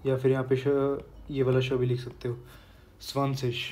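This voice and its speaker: Patient man teaching pronunciation, flat voice. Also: medium pitch. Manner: patient, repeats words slowly for pronunciation. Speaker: German language teacher. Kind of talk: explaining lesson while writing on a board.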